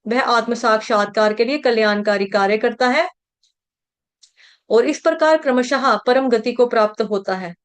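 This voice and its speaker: A woman teaching Sanskrit verse pronunciation, stretching syllables slowly when she chants them and explaining quickly in between. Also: on the high side. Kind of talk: slow chanting and pronunciation lesson.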